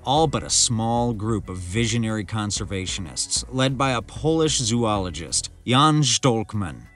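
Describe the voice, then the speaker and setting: A man's voice: fairly low pitch, expressive, unhurried, a bit bright. Male nature documentary narrator over music. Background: background music.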